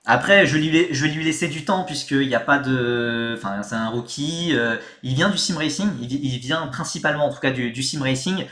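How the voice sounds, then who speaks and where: A man's voice: mid-range voice, normal speed, few pauses, bright, forceful tone, echoey room. A man chatting casually on a live stream, rambling with lots of fillers and thanking viewers mid-sentence. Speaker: motorsport streamer.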